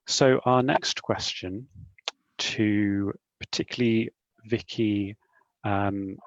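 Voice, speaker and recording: A man's voice: fairly low pitch, steady tone, slow, no echo, lo-fi sound. A man moderating a panel discussion, polite and a little tongue-tied, introducing the next question.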